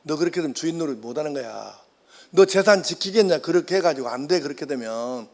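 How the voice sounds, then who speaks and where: A man voicing a stern older father who lectures his son in a gruff, low voice. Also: animated, fairly quick, a little mellow. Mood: scolding.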